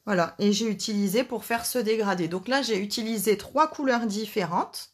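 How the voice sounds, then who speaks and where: A woman's voice: medium pitch, normal speed, slightly rough. Chatty woman demonstrating card crafts. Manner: chatty, joking asides to viewers. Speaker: card-making live host.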